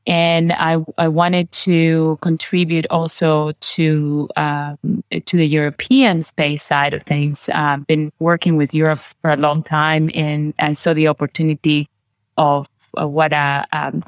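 An interview guest from Peru talks with open enthusiasm, often restarting sentences and leaning on fillers. The voice sits at a middling pitch, and the sound is dry with little room echo. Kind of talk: casual interview.

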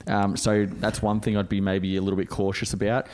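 A man's voice: fairly low pitch, flat delivery, fairly quick, darkish tone, slight background noise. An Australian man co-hosting a sports podcast, talking through players in a casual, conversational way.

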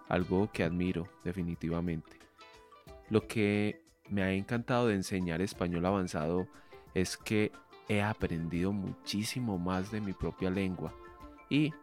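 Deep-voiced Colombian man teaching Spanish. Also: a little mellow. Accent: Colombian Spanish from Medellín. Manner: clear, measured teacher's delivery addressing the listener directly. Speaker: Spanish teacher and podcast host. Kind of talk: podcast monologue for language learners.

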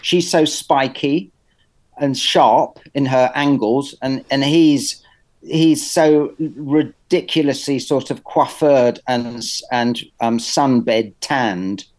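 Man, British accent, middle pitch, casual interview chat, hesitant, anecdotal, blunt. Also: slow pace, darkish tone. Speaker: artist being interviewed.

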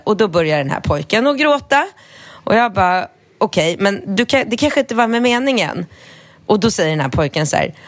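A woman's voice: fairly low pitch, no echo. A woman in her thirties telling a funny anecdote in casual chat, acting out the voices of children and adults. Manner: lively anecdote teller who acts out children's voices. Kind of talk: casual chat, animated storytelling.

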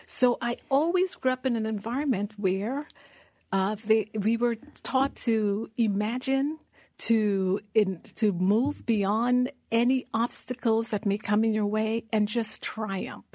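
A woman's voice: on the high side, slow pace, darkish tone, no echo. A middle-aged woman from Guyana, a guest in an interview, telling her story earnestly. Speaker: guest, managing director. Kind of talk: interview conversation.

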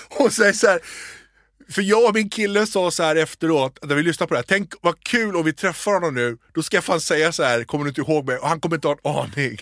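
A man co-hosting a podcast, telling a story in a casual, animated way and acting out the voices he quotes. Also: on the high side, no echo, clean studio sound. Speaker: podcast co-host.

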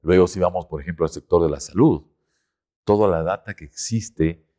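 A man, a podcast guest explaining things in an animated, conversational way. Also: low voice, normal speed. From Ecuador. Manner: animated explainer, lifts his voice to act out quotes. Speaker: guest expert.

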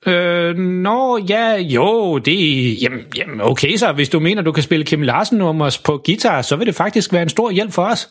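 A man's voice: sits high, lively intonation, few pauses, voice pushed up. A man voicing a flustered female class teacher who hesitates a lot, in a children's story. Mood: hesitant. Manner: flustered, hesitant, lots of fillers.

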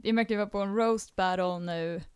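A woman comedian chatting casually as a podcast guest, animated, with frequent laughs and fillers. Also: medium pitch, clear, resonant tone, dry recording, clean studio sound.

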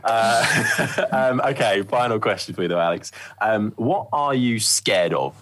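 A man's voice: lowish voice, a little slow, a bit bright. A man chatting casually as a podcast interviewer. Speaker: podcast host.

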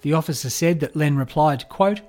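A man narrating a true crime story in a measured, scripted storytelling delivery. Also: on the high side, a little mellow, soft background music.

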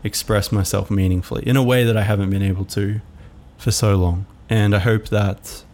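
Low, flat-voiced man musing. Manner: musing, halting, many fillers. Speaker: podcast host. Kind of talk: reflective solo podcast monologue.

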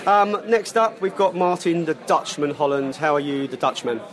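A man's voice: on the high side, moderate pace. A man with a wheezy, chesty voice from a cough, hosting a casual podcast. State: lingering cough from a cold. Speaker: podcast host. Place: busy pub. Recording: lively pub chatter behind.

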